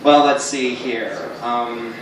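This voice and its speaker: A man's voice: mid-range voice, fairly even intonation, slow. A young man doing casual stage comedy as a ventriloquist playing straight man, talking hesitantly. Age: young adult. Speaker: amateur ventriloquist. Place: small indoor comedy stage, filmed from the audience. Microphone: stage mic picked up by far camera. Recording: echoey noisy venue, distant camera mic.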